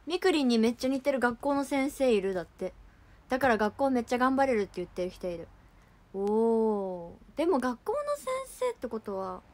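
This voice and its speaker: A woman's voice: on the high side, darkish tone. Chatty young woman on a livestream. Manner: chatty, filler-heavy, reacts to comments. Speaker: idol livestream host. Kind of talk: casual livestream chat reading fan comments.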